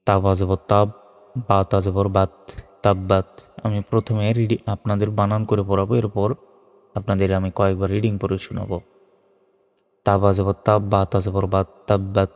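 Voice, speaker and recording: A man teaching Quran reading with a Bangladeshi Bengali accent, spelling out each letter slowly and then chanting the verse. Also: on the low side, completely flat delivery. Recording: studio voice with long reverb and soft music.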